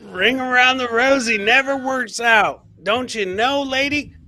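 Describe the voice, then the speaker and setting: Speaking unhurriedly in a very high, sharp-toned voice, an American man in his forties hosts a live comedy clip show. His live-stream commentary is casual and exclamatory, often returning to his catchphrases, and it's picked up on a close boom studio mic with headset.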